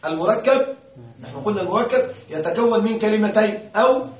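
Teaching grammar to a class, a man with a high voice and lively intonation moves briskly, frequently posing a question aloud and answering it himself. The lecture is recorded from a distance in a roomy space.

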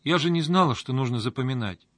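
A man's voice: medium pitch, animated, quick pace, fairly bright tone, no room sound. A man voicing a timid eight-year-old girl who speaks in a plaintive, anxious way.

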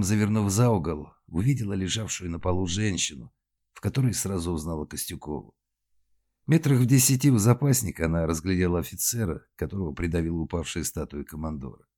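A man narrating a detective audiobook with a very low, deep voice. His reading is lively and dramatic, pressing forward through the action. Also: quick pace. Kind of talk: scripted narration.

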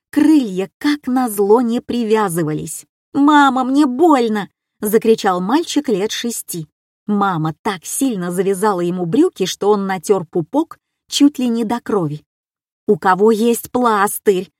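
A woman reads a funny family story aloud, wry and deadpan in her delivery. Her voice is mid-pitched and recorded close and dry, with no room sound around it. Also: no room sound. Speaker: narrator. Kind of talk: humorous storytelling.

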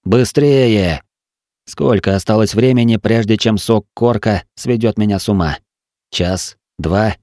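Guy reading a sea adventure audiobook, low voice, dry close sound. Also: moderate pace, dry recording. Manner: steady, dramatic storytelling. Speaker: audiobook narrator. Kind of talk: first-person adventure narration.

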